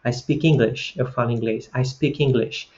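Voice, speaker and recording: A man's voice: medium pitch, fairly even intonation, moderate pace, darkish tone. A man from Pará with a northern Brazilian accent, hosting a casual language-learning lesson, rambling and repeating words for emphasis. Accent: northern Brazilian Portuguese. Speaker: language-learning video host. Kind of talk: casual educational talk to camera. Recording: slightly dull, lo-fi sound.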